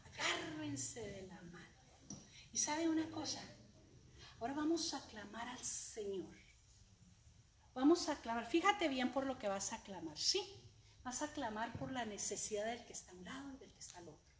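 A woman pastor preaching a fervent sermon, swinging from soft near-whispers to loud cries. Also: a little high, lively intonation, moderate pace. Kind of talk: Spanish-language church sermon. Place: church sanctuary. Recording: echoey church room with faint noise.

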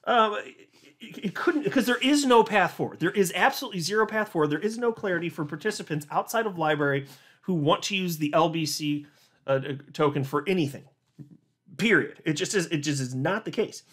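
A man's voice: high voice, fairly quick, fairly bright tone. A man hosting a crypto commentary, reading a legal filing aloud and reacting with sarcastic disbelief, often restarting words as he gets worked up. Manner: incredulous, sarcastic, laughs in disbelief.

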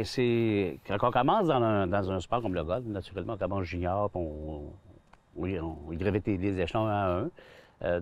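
A golf club general manager from Quebec, a man in his sixties with a Québécois French accent, tells stories in a rambling, relaxed outdoor interview full of restarts and fillers. His voice is a little low and slightly mellow, recorded on a lapel mic out on a golf course.

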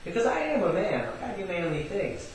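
A man casually telling a personal story, rambling with lots of fillers and building to excited yelling. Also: sits high, fairly quick, a little hiss or hum. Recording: very echoey room, far from mic.

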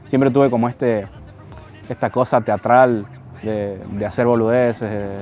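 A man's voice: medium pitch, fairly even intonation, a little slow, darkish tone, faint music behind. A man in his twenties from Tucumán with an Argentine accent, talking casually and hesitantly in an interview, often repeating words. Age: 20s. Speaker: freestyle rapper interviewed.

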